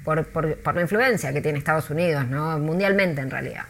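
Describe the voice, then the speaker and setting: An Argentine woman who works as a tour guide, chatting in an interview with lively, storytelling delivery and many restarts. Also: low voice, brisk, faint music behind. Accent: Argentine Spanish.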